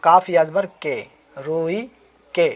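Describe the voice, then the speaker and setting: Brief: high-voiced male teacher, slowly spelling letters and quizzing himself. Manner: spells out letters slowly, repeats words, asks and answers his own questions. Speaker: online Urdu writing teacher. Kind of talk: step-by-step handwriting lesson. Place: home, with beggars on a loudspeaker outside.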